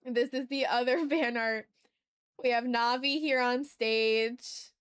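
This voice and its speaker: This woman speaks slowly in a fairly high, smooth voice with fairly even intonation. She hosts an informal art livestream, thinking aloud as she draws and chatting with viewers in slangy, enthusiastic language.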